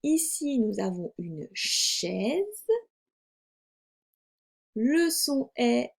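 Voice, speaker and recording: A woman teacher giving a recorded phonics lesson to young children, articulating slowly and carefully. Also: on the high side, creaky, darkish tone. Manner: slow, careful, over-articulated delivery. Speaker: primary school teacher.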